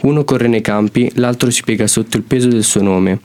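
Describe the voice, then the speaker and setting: A man's voice: medium pitch, fairly quick. Teenage boy reading a poem. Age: teens. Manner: hesitant when talking, steady when reading. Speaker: student reading his poem. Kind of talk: poetry reading.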